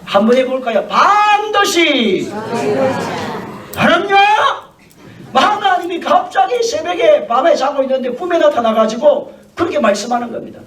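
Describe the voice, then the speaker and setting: A man's voice: extremely high pitch, brisk, few pauses, distant mic. Male pastor preaching in church, asks the crowd questions, voice jumps all over, roomy hall sound. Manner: animated, dramatic preaching with questions to the congregation. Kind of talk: sermon. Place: church sanctuary. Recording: echoey church hall, mic from afar.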